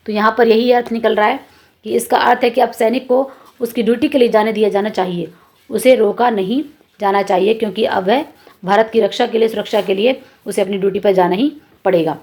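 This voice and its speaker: A woman teacher walks students through a lesson in a patient, clear way. Her voice sits a little higher than usual. She says the examples slowly and asks questions as she goes. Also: darkish tone. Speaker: Hindi teacher. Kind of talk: classroom lesson explaining exercises.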